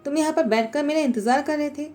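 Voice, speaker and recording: A woman's voice: high-pitched, quick pace, mellow, faint music behind, natural voice. A woman voicing a cold, defensive young husband in a spoken story recap, in a curt, questioning manner.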